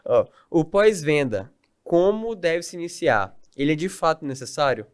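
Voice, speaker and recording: A man's voice: fairly high pitch, lively intonation, moderate pace, clear, resonant tone. A man hosting a podcast, asking questions and giving short approving remarks. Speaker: podcast host. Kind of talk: interview questions.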